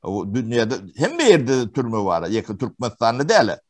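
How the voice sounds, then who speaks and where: A man from Turkmenistan giving testimony in an interview, talking haltingly with many pauses and fillers. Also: medium pitch, sing-song, a little mellow. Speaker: witness interviewee.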